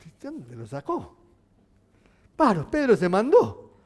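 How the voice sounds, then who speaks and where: A man's voice: high voice, takes it slowly. A male pastor preaching a sermon, asking his listeners questions. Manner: animated, asking the congregation questions.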